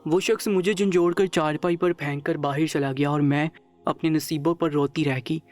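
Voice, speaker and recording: Brief: male storyteller, slightly high voice, earnest and sorrowful scripted reading with soft music behind. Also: steady tone. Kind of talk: scripted narration of an emotional first-person story.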